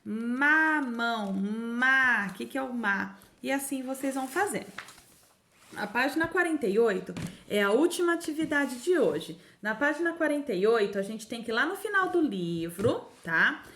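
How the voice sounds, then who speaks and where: Brazilian woman teacher, animated, higher voice, patient sing-song delivery for young children. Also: a little hiss or hum. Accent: Brazilian Portuguese. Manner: slow, sing-song syllable-by-syllable sounding out. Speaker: primary school teacher. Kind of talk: recorded remote lesson for young children.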